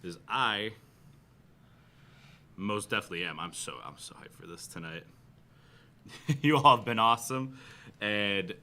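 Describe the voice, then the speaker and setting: A man co-hosting a baseball fan livestream, excitable and quick to laugh. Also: on the low side. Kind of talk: casual fan chat.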